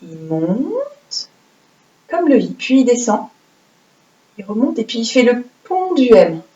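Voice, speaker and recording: A woman with a somewhat high voice teaches young children their handwriting letters. She is patient and encouraging and dictates slowly with playful little sound effects. The recording has a roomy echo. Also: big pitch swings, mellow, muffled recording. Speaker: primary school teacher. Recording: roomy echoey room.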